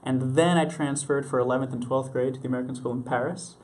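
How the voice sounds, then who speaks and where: A young man from Mexico talks about his career in a relaxed interview. He sounds eager and earnest and laughs easily. His pitch sits in a middle range for a man. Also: quick pace. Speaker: Broadway actor, interview guest. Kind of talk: casual interview chat.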